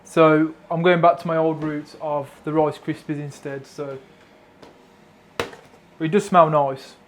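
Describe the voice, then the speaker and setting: A man's voice: on the high side, little pitch movement, measured pace, a little hiss or hum. A man, a fitness coach, chatting casually and self-deprecatingly in a vlog.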